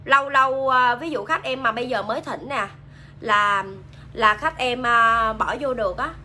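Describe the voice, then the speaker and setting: A woman's voice: a little high, normal speed, bright, forceful tone, slight background noise. A woman with a Southern Vietnamese accent, hosting a chatty live sales stream, reading viewer comments aloud and pushing products. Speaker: livestream seller. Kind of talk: casual live sales pitch.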